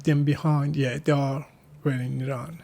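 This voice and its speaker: A man from Afghanistan, a guest in a casual interview, speaking halting second-language English with restarts and soft laughs. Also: mid-range voice, level tone, creaky.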